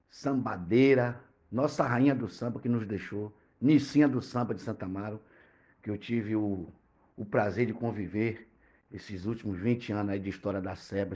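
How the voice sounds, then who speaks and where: A man's voice: fairly low pitch, lo-fi sound. A man from Bahia, a teacher and cultural activist, earnestly explaining a topic to podcast listeners. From Bahia, Brazil.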